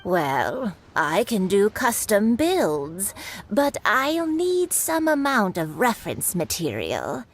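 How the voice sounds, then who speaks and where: Slow, shrewd old granny. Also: female voice, medium pitch, wildly swooping pitch, slight background noise, exaggerated voice. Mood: dry. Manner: dry, measured, unhurried. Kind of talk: video game cutscene voice acting.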